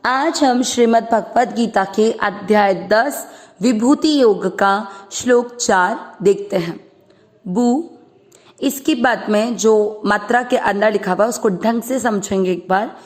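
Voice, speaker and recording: Lady teaching sanskrit sounds slow and patient, stretches out the chanted words, kinda high voice. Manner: patient, drawing out syllables when chanting the verse. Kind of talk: slow syllable-by-syllable pronunciation lesson.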